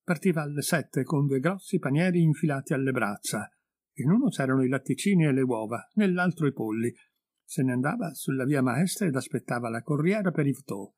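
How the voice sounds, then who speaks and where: A man reading a story aloud in measured, unhurried narration into a close mic. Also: medium pitch, darkish tone, slightly rough, dry recording. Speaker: reader.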